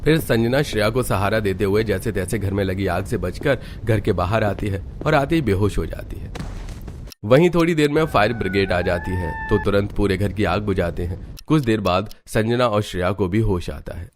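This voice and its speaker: A man's voice: on the low side, huge pitch swings, moderate pace, a little hiss or hum. Man narrating a cartoon story.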